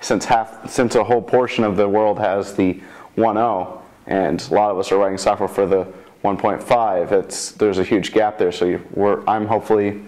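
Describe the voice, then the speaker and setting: In an informal interview about his project, a young computer science student developer in his twenties speaks in a low, even tone. His delivery is halting, and he frequently rephrases mid-sentence.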